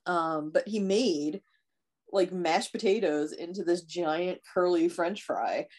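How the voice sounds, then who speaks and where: A woman in her thirties co-hosting a casual podcast chat, chatty and quick to laugh as she tells stories. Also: on the low side. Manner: chatty, laughs often, animated storytelling. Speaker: podcast co-host.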